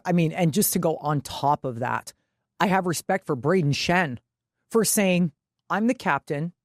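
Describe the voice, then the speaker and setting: Co-hosting a sports podcast, a woman talks casually and emphatically, swearing loosely. Her lowish voice is expressive and unhurried, and the studio sound is clean with no echo.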